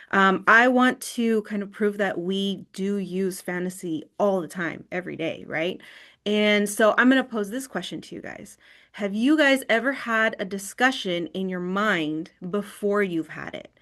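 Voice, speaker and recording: A woman's voice: medium pitch, moderate pace, a bit bright. Woman presenting in a screen-recorded video call. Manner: conversational, often checks in with "right?". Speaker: wellness workshop presenter. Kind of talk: online workshop talk.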